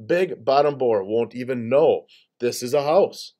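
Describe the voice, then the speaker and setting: A man's voice: medium pitch, measured pace, warm tone, natural voice. A man voicing the laziest young male gator, cocky and offhand, in a storybook reading.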